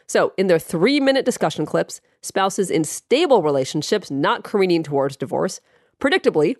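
A woman's voice: lowish voice, dry recording. A woman presents a scripted advice podcast in a froggy voice, congested from a cold. Her phrasing is chatty and lightly playful. The sound is close and dry. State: getting over a cold, froggy voice. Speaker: podcast host, psychologist.

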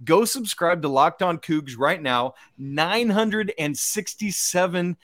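A man's voice: fairly high pitch, animated, slow, fairly bright tone, dry recording, studio quality. A man with a Georgia accent hosting a sports podcast, exclamatory and folksy, addressing listeners like buddies. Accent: Georgia, American South. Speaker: podcast host.

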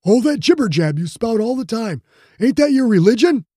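A man voicing a goofy young football player who talks in loud, childish bursts. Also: very high-pitched, sing-song, normal speed, husky, no room sound, clean studio sound, voice pushed up, exaggerated voice.

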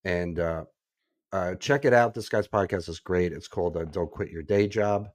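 A deep-voiced man co-hosts a casual podcast at a moderate pace, his tone a little mellow, rambling with many fillers and joking at his own expense. The audio is studio quality with no room sound, though the setting is an echoey room.

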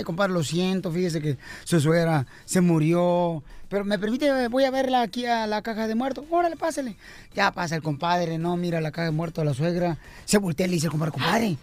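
A man hosting a radio show, telling jokes and acting out the characters in them. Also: high voice. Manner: animated, acts out joke characters with shifting voices.

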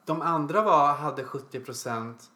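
A woman's voice: deep voice, a bit bright. A young woman, venting casually about customers in an exasperated way. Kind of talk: casual chat. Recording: echoey room.

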